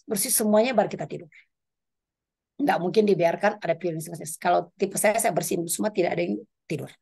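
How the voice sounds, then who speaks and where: A middle-aged woman speaking at a women's prayer meeting, giving a lively spoken testimony sermon, her pitch rising and falling as she tells her story. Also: quick pace, creaky, slightly rough. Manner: animated storytelling, pitch swinging up and down.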